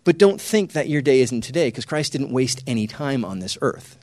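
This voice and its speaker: A man giving a lively, joking talk to a young audience, often hushing and settling the crowd. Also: medium pitch, normal speed, no echo. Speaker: youth speaker.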